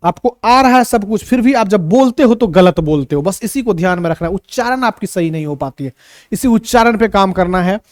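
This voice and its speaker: Animated high-voiced male teacher. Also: a little fast, no room sound, studio quality. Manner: animated, repeats points and asks rhetorical questions. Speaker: English teacher. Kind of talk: classroom-style video lesson.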